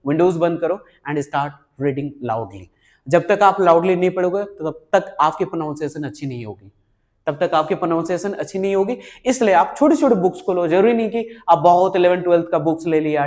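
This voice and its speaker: A man's voice: sits high, a little mellow. A man teaching a spoken English lesson, mixing Hindi with English words and often checking on learners with short questions. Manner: repeats "ठीक है?" and "right?" to check on learners; asks questions and answers them himself.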